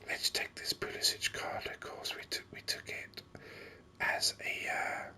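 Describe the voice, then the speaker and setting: This is a gaming host doing ASMR commentary, whispering breathily and musing in a slow, halting manner close to the microphone. The tone is sharp.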